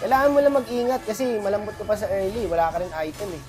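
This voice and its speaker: A man's voice: sits high, lively intonation, quick pace, music in the background. A man with a cold giving chatty, boastful gameplay commentary to his viewers as a streamer. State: has a cold, voice affected. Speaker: gaming streamer.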